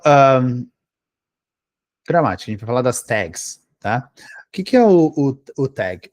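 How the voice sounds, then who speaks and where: A man teaching English grammar to Brazilian students, explaining step by step and checking in with the class after almost every phrase. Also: medium pitch. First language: Portuguese. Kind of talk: grammar lesson for exam prep.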